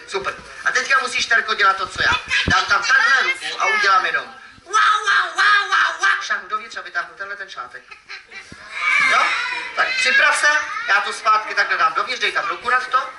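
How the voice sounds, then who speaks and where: A man performing as a children's magician at a live event, playfully teasing the kids and calling out to the crowd. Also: high voice. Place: event hall with audience. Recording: echoey, distant mic, noisy ambience.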